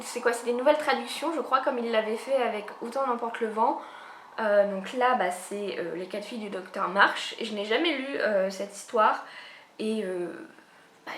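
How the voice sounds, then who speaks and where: Chatty high-voiced woman in an echoey room. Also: a bit bright, a little hiss or hum. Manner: chatty, rambling, many fillers and restarts. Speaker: book vlogger. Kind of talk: casual chat about upcoming book releases.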